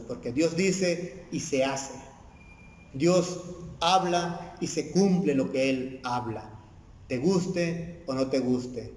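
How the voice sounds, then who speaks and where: A man's voice: medium pitch, a little mellow. A man with a Mexican Spanish accent preaching a sermon in a church hall, earnest, repeating phrases and using many "eh" fillers. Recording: echoey church hall with long reverb.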